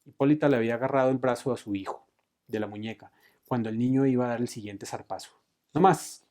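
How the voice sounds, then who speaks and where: A man reading a novel aloud expressively, raising his voice for shouted lines. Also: mid-range voice, fairly even intonation, quick pace. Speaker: book reader.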